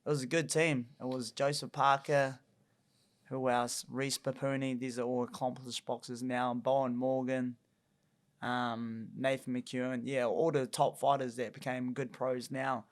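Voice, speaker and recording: A man's voice: medium pitch, level tone, unhurried. Laughing New Zealand man telling stories. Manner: chatty, laughs often while telling stories. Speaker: guest boxer. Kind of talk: casual podcast interview.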